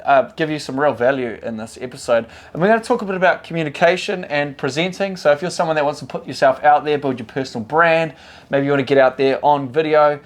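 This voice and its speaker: A man hosting a casual interview, upbeat and encouraging, often repeating words as he talks. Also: fairly high pitch. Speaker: host.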